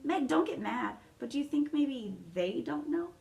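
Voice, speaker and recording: A woman's voice: high voice, animated, unhurried, creaky, darkish tone, voice pushed up, heavily acted. A woman voicing a kind, reassuring teenage boy in a read-aloud storybook. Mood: tender.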